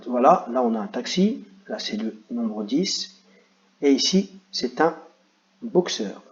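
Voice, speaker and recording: A male teacher talks young pupils through their exercises step by step, patient and encouraging. His voice sits at an ordinary middle pitch. The recording sounds a little dull and lo-fi. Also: expressive, a little slow. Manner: patient, encouraging, addresses children directly. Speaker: primary school teacher. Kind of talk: explaining worksheet exercises to children.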